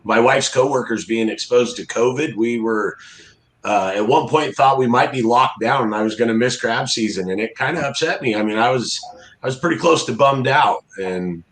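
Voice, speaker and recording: A middle-aged man talks casually in an interview with a folksy, plain-spoken manner. His voice sits at an average pitch. The room around him rings with noticeable echo. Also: normal speed, fairly bright tone. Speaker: interview guest, crab fisherman. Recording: roomy, echoey sound.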